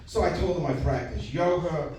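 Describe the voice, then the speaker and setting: A man's voice: on the high side, normal speed, a little mellow. An older man doing brash, profane, kvetching Borscht Belt stand-up. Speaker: stand-up comedian. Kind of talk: Borscht Belt stand-up, telling jokes to a crowd. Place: echoey live venue with an audience. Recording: very echoey noisy room, distant mic.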